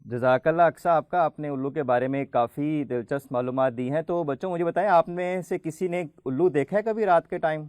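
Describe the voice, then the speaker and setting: A man hosting a children's program, patiently quizzing the kids and slowly spelling out letters for them to pronounce. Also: a little high, a little mellow, no echo. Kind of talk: friendly studio hosting for children.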